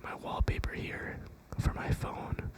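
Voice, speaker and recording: Young person doing a whispered pep talk, asmr style, soft comforting affirmations, no rush. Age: young adult. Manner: whispering throughout; gentle, reassuring, unhurried. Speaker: ASMR creator.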